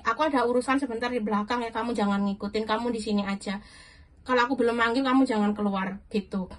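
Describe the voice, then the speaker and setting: A young woman from Indonesia telling a personal story in a halting, emotional way, with many restarts and much quoted dialogue. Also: fairly high pitch, a bit bright. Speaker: guest telling her story.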